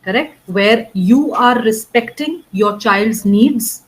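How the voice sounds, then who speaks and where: A woman coaching a student in spoken English, one-on-one. Her voice sits a little high and stays patient and measured. She corrects mistakes step by step and keeps checking in with short questions. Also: low-quality recording. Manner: patient, often checks understanding with "right?" and "correct?"; corrects grammar and pronunciation step by step. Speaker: English speaking tutor.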